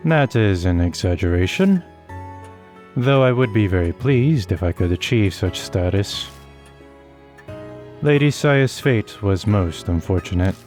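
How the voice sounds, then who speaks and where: An eerie doll-like servant spirit from a horror game speaks in a flat, courteous monotone, voiced by a man reading her part. Her tone stays even and precise. Faint music sits behind the voice. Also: lowish voice, measured pace, long pauses. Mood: formal. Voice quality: monotone, formal and polite.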